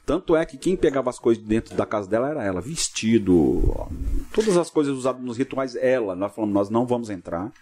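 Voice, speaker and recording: A man, a pastor guest on a podcast, telling a long story in a casual interview, lively and acting out what people said. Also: medium pitch, slight background noise. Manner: fast, vivid storyteller acting out dialogue.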